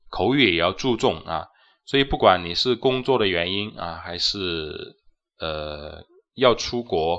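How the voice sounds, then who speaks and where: A man's voice: lowish voice, bright, forceful tone. A Chinese-speaking man teaching spoken English, explaining patiently with lots of fillers and tag questions. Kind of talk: recorded spoken English lesson.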